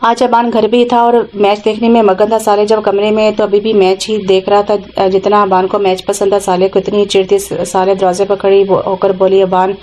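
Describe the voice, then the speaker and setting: Woman narrator, audio novel, even unhurried reading, monotone, mellow. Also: medium pitch, slight background noise, rough recording.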